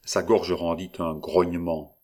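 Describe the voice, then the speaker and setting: Deep-voiced man reading a novel. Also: flat delivery, measured pace, darkish tone. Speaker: audiobook narrator. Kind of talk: scripted narration of a novel.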